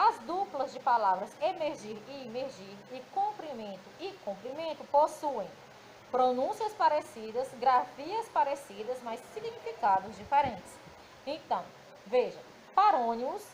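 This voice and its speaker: A woman's voice: high voice, a little hiss or hum, poor audio. A woman with a Brazilian Portuguese accent teaching a grammar lesson to children, recorded in a classroom, explaining patiently and often checking understanding.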